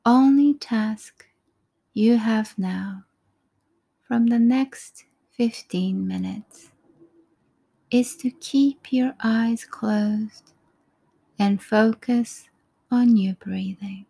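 Woman doing a breathing meditation, super slow and soft, breathy with lots of creak. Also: on the high side, rough recording. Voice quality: soft, breathy, often near a whisper. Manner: calm, soothing, unhurried short phrases with pauses. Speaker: meditation guide.

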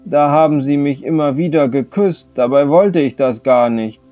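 A man doing a sobbing little storybook letter creature, shy and sad, tearful one-word answers, voice much higher and louder than the narrator's, slow delivery. Slightly dull lo-fi recording with a faint guitar behind. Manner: answers in tearful single words.

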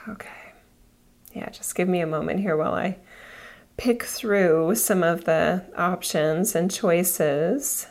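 A woman with a creaky voice hosting informal spiritual talk and guided meditation, gently instructing and soothing, with small asides to her listeners. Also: lowish voice, slow, long pauses. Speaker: spiritual guide and podcast host.

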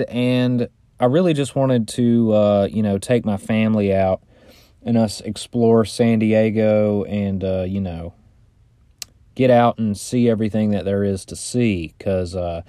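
A man's voice: fairly low pitch, dark tone, no room sound. Man talking from inside a closet. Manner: loose, chatty and joking, with frequent fillers and mild swearing. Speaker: podcast host. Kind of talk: casual rambling solo podcast chat. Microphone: close studio mic, audio only.

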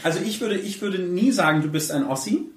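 A man's voice: high-pitched, fairly quick, distant mic. A man hosting a podcast, talking in a casual, emphatic and blunt way. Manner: animated, emphatic, with blunt colloquial remarks. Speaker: podcast host. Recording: echoey room, set back from the mic.

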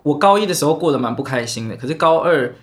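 A man's voice: fairly high pitch, animated, fast talker, a bit bright. A young man, telling a long personal story on a chat podcast, rambling and restarting often. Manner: rambling, many restarts and repeated words. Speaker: podcast co-host.

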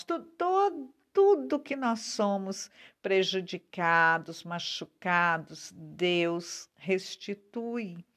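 A woman with a Brazilian Portuguese accent giving a devotional talk straight to the viewer, earnest and deliberate, drawing out her key words and often checking in with "né?". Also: mid-range voice, fairly bright tone. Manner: slow, earnest, drawn-out emphasis, frequent "né?". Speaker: preacher.

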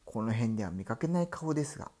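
A man's voice: medium pitch, animated, fast talker, warm tone, natural voice. A man playing a wary candy shopkeeper. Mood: questioning.

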